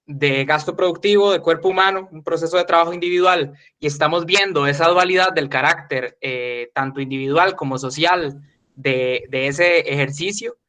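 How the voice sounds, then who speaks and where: A man's voice: a little high, normal speed, bright, forceful tone. A male student asking a hesitant question in an online seminar, his voice faint because his mic is held too far away. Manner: hesitant, many fillers. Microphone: distant mic on a video call.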